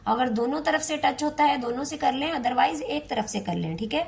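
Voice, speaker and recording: A woman's voice: sits high, gravelly, darkish tone. A woman teaching Quran recitation step by step, patiently repeating each word and drawing out the recited lines. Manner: patient, repeats words slowly, recites in a drawn-out chant. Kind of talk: slow step-by-step tajweed lesson.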